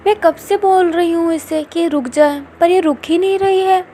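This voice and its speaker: A lively young warrior woman complains, exasperated, as a woman reading a fanfiction plays her. The voice is high and animated. A faint hiss sits under it. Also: moderate pace.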